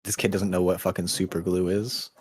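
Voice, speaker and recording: A man's voice: low-pitched, flat delivery, a little fast, darkish tone, slight background noise. A man in casual voice chat, teasing and mocking his friends with plenty of swearing. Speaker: gaming buddy.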